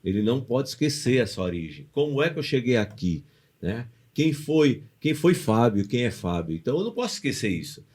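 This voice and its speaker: A man's voice: mid-range voice, a little fast. A man with a Brazilian Portuguese accent co-hosting a motivational podcast, telling stories and asking rhetorical questions in casual chat. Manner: animated storyteller, rhetorical questions. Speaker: podcast co-host.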